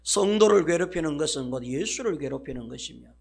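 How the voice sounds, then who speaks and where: A male pastor preaching a sermon in an emphatic, dramatic way, swinging from loud declarations to hushed asides. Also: fairly high pitch, expressive, fairly quick, vocal fry, slightly rough.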